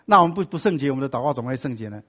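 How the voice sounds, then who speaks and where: A man's voice: medium pitch, animated, racing, a bit bright, husky. A man teaching a sermon-style Bible class. He keeps asking the class rhetorical questions and drops in English and Hebrew words.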